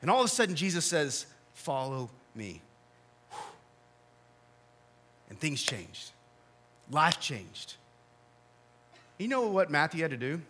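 A male pastor preaching an earnest sermon in church, dropping soft and low to stress key lines. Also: husky. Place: church sanctuary.

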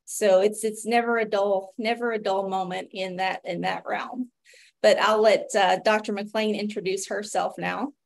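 A woman's voice: medium pitch, steady tone, normal speed, vocal fry. A woman in her thirties with an Appalachian accent, hosting and presenting a webinar as a physician over a video call. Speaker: webinar host, physician and pharmacist.

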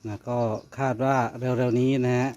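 A man's voice: mid-range voice, flat delivery, moderate pace, a little mellow, muffled recording. A man hosting a casual vlog, chatting, agreeing along and addressing fans. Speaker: channel host and interviewer.

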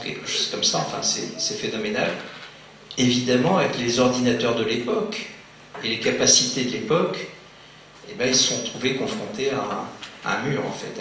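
A man's voice: mid-range voice, fairly bright tone. A man giving a conversational conference lecture, with fillers and restarts, joking with his audience. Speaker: conference speaker. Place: lecture hall. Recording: very echoey hall, faint noise.

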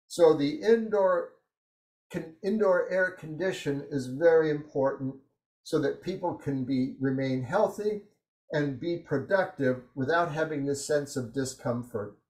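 A man presenting a technical webinar over a video call, explaining at a steady pace with frequent "uh" fillers. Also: fairly high pitch, reverberant, poor audio.

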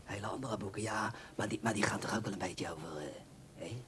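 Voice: low-pitched, fast talker, background noise, lightly acted. A performer playing a pushy, overfamiliar book fan in a film comedy sketch, nudging with constant asides and sly whispers. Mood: leering. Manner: insistent, keeps nudging with "hè?" and drops into sly whispers.

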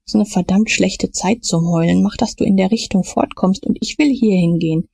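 A woman voicing a rough, cold-hearted male murderer who speaks gruffly. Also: mid-range voice, normal speed, dark tone, dry recording. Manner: gruff, growling.

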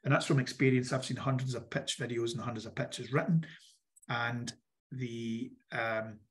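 A man with a croaky voice, giving direct, instructive advice in an online workshop presentation. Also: mid-range voice, steady tone, normal speed. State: croaky voice, clearing his throat. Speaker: workshop presenter for a business funding competition.

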